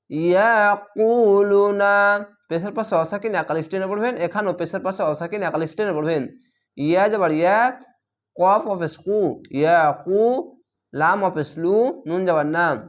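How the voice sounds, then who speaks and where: Man patiently spelling out recitation. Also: sits high. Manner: spells each word letter by letter, then recites it slowly and drawn out; states reading rules briskly and repeats them. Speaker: Quran reading teacher.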